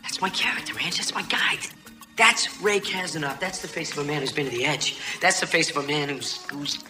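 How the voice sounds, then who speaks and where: A man's voice: a little high, brisk, natural voice. A man playing an intense actor obsessed with a gritty cop role in a film. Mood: awestruck. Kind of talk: film acting. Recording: film clip under loud music with clatter.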